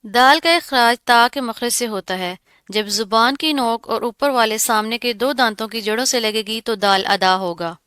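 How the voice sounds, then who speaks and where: The speaker is a woman teaching Quran recitation through a pronunciation lesson. Each sound gets an explanation and then a slow, elongated rendering, in a bright, crisp, somewhat high voice captured close and dry without any room sound.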